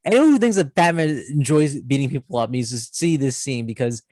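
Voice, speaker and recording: A man's voice: mid-range voice, a little fast, no room sound, poor audio. A man hosting a casual chat about movies, rambling and correcting himself as he goes. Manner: rambling, self-correcting, animated. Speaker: channel host.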